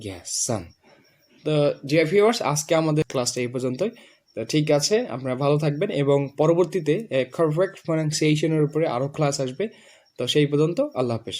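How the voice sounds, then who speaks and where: A man with a Bengali accent teaching English pronunciation, drilling words slowly and repeating them for a student. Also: on the high side, a little mellow. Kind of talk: classroom lesson.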